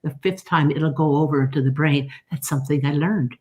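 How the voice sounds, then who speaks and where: A woman's voice: low voice, moderate pace. An older woman, a learning specialist, talking in a live interview and acting out lessons as she explains. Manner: animated storytelling, acts out teacher and child sounding out words. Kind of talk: live expo video interview.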